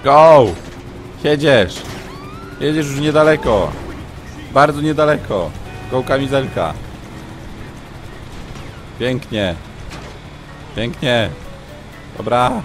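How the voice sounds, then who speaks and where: A man commenting live on his own gameplay, muttering to himself and breaking into shouts and yelps when things go wrong. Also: mid-range voice, takes it slowly, long pauses, music in the background. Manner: excitable, shouts and yelps when under fire. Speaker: gaming streamer.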